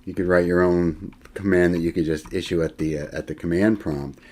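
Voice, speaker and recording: A male college instructor delivers a screen-recorded software lecture, relaxed as he demonstrates and thinks out loud, using fillers and correcting himself. His voice sits low and moves a little fast, with keyboard typing heard behind him.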